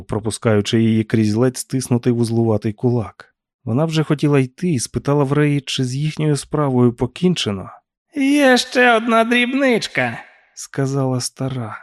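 A man reading an audiobook in a calm, measured, low-key way. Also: dry recording, studio quality. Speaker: audiobook narrator. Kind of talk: audiobook narration.

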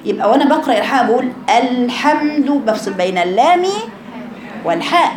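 A woman's voice: on the high side, expressive, a crowd in the background. Egyptian woman teaching recitation, echoey. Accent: Egyptian Arabic. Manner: explains with questions, demonstrates sounds by drawn-out chanting. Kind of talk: informal tajweed lesson to female students.

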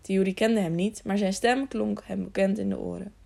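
A woman narrating a children's audiobook in a steady storytelling manner. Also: mid-range voice, normal speed, vocal fry. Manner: steady storytelling, slight stumbles. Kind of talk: scripted narration.

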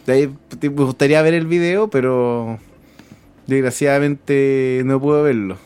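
Chilean radio co-host, joking banter. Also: male voice, medium pitch, moderate pace, darkish tone, clean tone. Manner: joking banter, sends listener greetings. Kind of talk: casual chat. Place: community radio studio.

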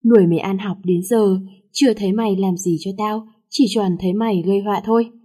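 A harsh middle-aged father scolds his daughter in a gruff, angry manner, as a woman reads him in a storybook. The voice stays mellow and dark in tone. There is no shouting and no strong change of voice. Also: mid-range voice, fairly even intonation, fast talker, lightly acted. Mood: scolding.

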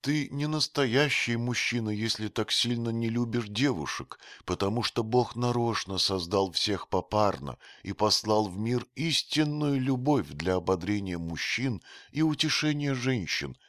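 A man voicing a timid, gentle youth with a high, soft boyish voice in a read-aloud story. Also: animated, measured pace, few pauses, no room sound, studio quality. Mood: teasing. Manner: pleading, teasing.

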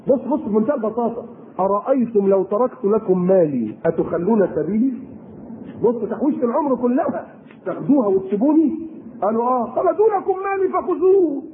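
Egyptian male preacher, high fast delivery, lo-fi tape with faint hiss. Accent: Egyptian Arabic. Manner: animated, rhetorical questions to the audience. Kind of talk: Egyptian colloquial sermon. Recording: tinny lo-fi recording with faint noise.

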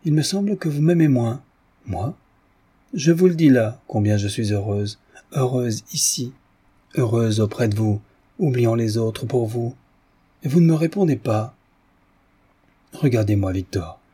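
A man's voice: medium pitch, expressive, unhurried, long pauses, warm tone, slightly rough. A man reading aloud and voicing a coquettish, anxious young wife who pleads tenderly with her husband. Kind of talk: audiobook reading.

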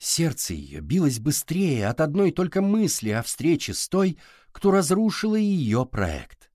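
Expressive male audiobook narrator. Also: a little high, unhurried, no room sound, studio quality. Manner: expressive storytelling.

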